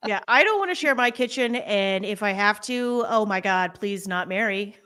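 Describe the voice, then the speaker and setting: A woman on a casual live-stream discussion, making quick giggly quips. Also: medium pitch, expressive, sharp tone, clean tone. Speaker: guest on a reality TV discussion stream.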